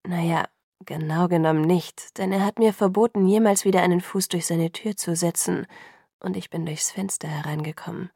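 A woman's voice: fairly even intonation, moderate pace, gravelly, no echo, clean studio sound. Edward, a woman doing a whispering young man. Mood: hushed. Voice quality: soft, low whisper. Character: brooding young man, hushed and guarded. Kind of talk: whispered role-play.

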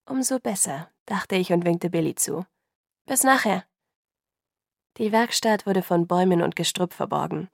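A woman narrating an audiobook in first person, calm and measured, close to the mic. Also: fairly low pitch, no echo.

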